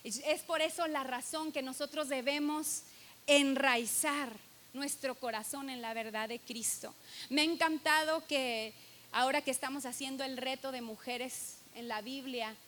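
A woman's voice: sits high, steady tone, a little slow, fairly bright tone, a little hiss or hum. A woman preaching a sermon to her church, earnest and emphatic, stressing key words and reading scripture aloud.

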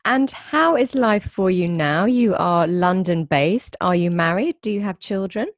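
A woman interviewer with a fairly low voice hosts a chat series. She speaks in a conversational presenter style, recorded close and dry. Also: lively intonation, unhurried, dry recording. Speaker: host, interviewer. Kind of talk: scripted introduction and conversational interviewing.

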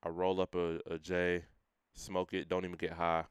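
Speaking in a monotone at a moderate pace, a young man gives his testimony as an interview guest, earnest and full of everyday slang. His very deep, very clear voice lowers when he quotes himself, recorded dry and close without any room sound.

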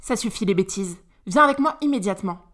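A woman's voice: medium pitch, normal speed, lightly acted. A woman voicing a vain, cold aristocratic mother and violinist, haughty and dismissive, in a storybook reading.

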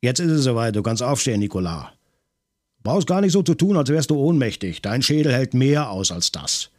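A man doing Maigret, gruff commanding commissioner. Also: medium pitch, big pitch swings, brisk, darkish tone, dry recording, clean studio sound, pitched above the performer's own voice, natural voice. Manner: rough, commanding, threatening. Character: gruff middle-aged male police commissioner.

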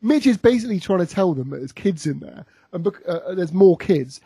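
Guy rambling through an episode recap, warm-ish husky voice, dry room. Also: high-pitched, expressive, fairly quick, no room sound. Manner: rambling, many restarts and laughs. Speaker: podcast co-host recapping an episode. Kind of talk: casual chat.

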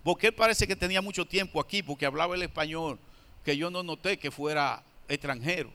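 A man preaching a sermon. His voice is high, bright and very clear. He slows down to stress points and answers his own questions.

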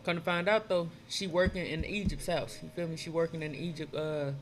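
A man with a fairly high voice spins an old tale in loose street slang, jumping into characters' voices as he goes. His delivery is animated and conversational, full of asides to his listener. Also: a little fast, background noise. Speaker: storyteller retelling Bible stories. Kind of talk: casual street-slang storytelling.

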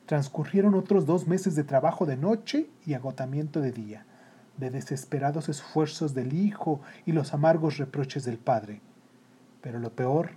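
A storyteller reading a children's story in a calm, steady way. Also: medium pitch, slightly rough. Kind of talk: scripted narration of a children's story.

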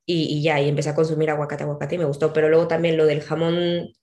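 A young woman with a Mexican accent, chatting casually as an interview guest and telling animated stories. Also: deep voice, quick pace. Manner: animated storytelling, voices her own and others' quoted lines.

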